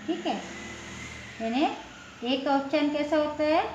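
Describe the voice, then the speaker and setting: Slow, high-voiced woman teaching letters. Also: noisy background. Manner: slow, repetitive, asks questions then answers them. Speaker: Hindi teacher. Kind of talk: classroom-style lesson explaining letters. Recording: echoey room, dull lo-fi sound.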